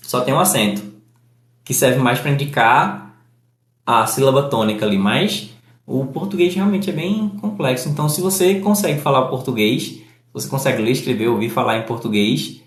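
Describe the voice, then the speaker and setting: A man with a Northeastern Brazilian accent, explaining a language lesson slowly and deliberately, spelling out each example. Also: medium pitch, lively intonation, roomy sound. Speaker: language teacher.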